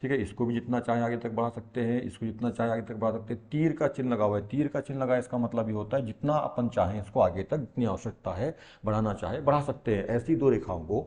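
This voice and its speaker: An Indian maths teacher with a Hindi-speaking accent works through a problem at the board, patient and repetitive. His middle-pitched, darkish voice moves fast with few pauses as he poses rhetorical questions to the class and answers them himself.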